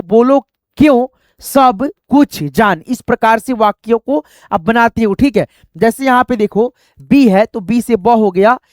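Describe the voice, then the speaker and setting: A man with a high voice, recorded at studio quality with no room sound, explains a spelling lesson. Teaching reading, he patiently repeats each step and addresses viewers as friends.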